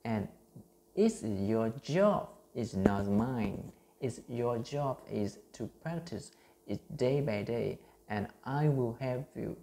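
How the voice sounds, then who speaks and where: A man's voice: medium pitch, vocal fry, mellow. A man in his thirties from Vietnam with a Vietnamese accent, earnestly teaching English pronunciation into his phone, with many fillers and restarts. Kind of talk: self-recorded teaching vlog.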